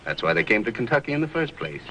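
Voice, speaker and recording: A man's voice: mid-range voice, big pitch swings, fast, pushed and bright, slight background noise, rough recording. An actor playing a stern, formal older banker lecturing his grown son.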